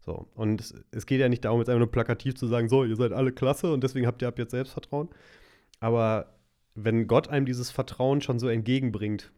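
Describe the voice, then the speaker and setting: A young man chatting casually about faith with a friend. His talk is relaxed and reflective, easy and unhurried. He laughs easily between thoughts. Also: mid-range voice. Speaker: podcast co-host.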